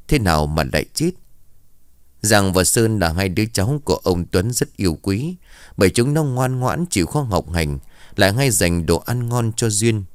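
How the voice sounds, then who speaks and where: Man, low voice, lively pitch, expressive ghost-story narration, dry close sound. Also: clear, resonant tone, no echo.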